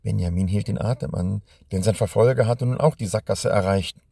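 A male storyteller with a low, gravelly and husky voice reading a storybook in a measured, even manner. He sits close to a dry mic with no room sound. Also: no echo. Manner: measured, addresses young listeners directly. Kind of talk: scripted storybook narration.

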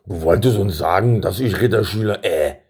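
A man voicing a strong, slow-witted young prince who speaks in a grumbling voice and stammers. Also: darkish tone, breathy edge. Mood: dim. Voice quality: grumbling, rumbly.

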